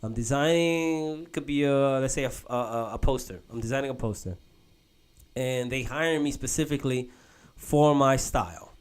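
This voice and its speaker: A young man hosting a casual podcast chat, rambling and animated, with lots of "bro" and restarts. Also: mid-range voice, moderate pace, clear, resonant tone. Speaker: podcast host. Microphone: podcast mic.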